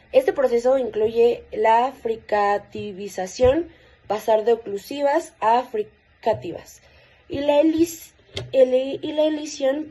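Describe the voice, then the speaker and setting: A woman's voice: a little high, warm tone, slightly rough, poor audio. A woman reading a class presentation aloud, carefully listing examples one by one. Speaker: student presenter.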